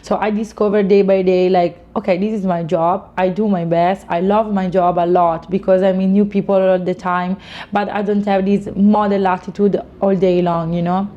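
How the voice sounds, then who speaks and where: A woman's voice: mid-range voice, little pitch movement, moderate pace, mellow, dull audio. A woman in her late twenties with an Italian accent, giving casual interview answers in informal non-native English peppered with "you know". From Italy. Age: late 20s. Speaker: interviewee, fashion model.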